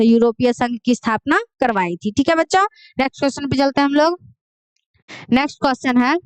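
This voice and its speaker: A woman's voice: high voice, no echo. A woman teaching an exam-prep class, reading out each question, then repeating the answer and explaining it patiently while calling her students kids.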